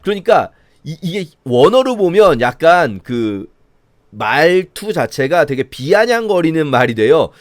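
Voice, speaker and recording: A man's voice: a little high, sing-song, measured pace, dry recording, studio quality. A man, a pastor, explaining a Bible passage in a conversational sermon and acting out mocking voices of the scoffers. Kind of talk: sermon-style Bible reading commentary.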